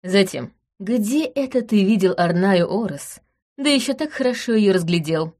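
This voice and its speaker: A woman's voice: medium pitch, animated, moderate pace, a little mellow. Woman, audiobook narration, first person, wry, ironic.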